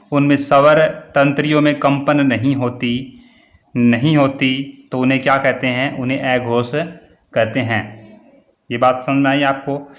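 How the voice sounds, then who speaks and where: A man teaching a Hindi grammar lesson, dictating definitions slowly and repeating key words for students. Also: medium pitch. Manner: slow, repetitive dictation, word by word.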